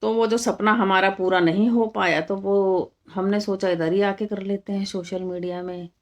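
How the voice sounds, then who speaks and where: A woman's voice: mid-range voice, steady tone, moderate pace. A middle-aged woman from India hosting a casual live stream, talking straight to her viewers and firmly rebutting comments, repeating her points for emphasis.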